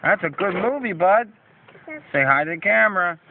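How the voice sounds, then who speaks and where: A woman's voice: fairly low pitch, expressive, moderate pace. Older woman on tinny old camcorder audio. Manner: encouraging, cheering a child on. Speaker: grandmother filming a child. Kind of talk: casual home-video commentary. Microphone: built-in camcorder mic. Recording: tinny lo-fi camcorder with loud noise.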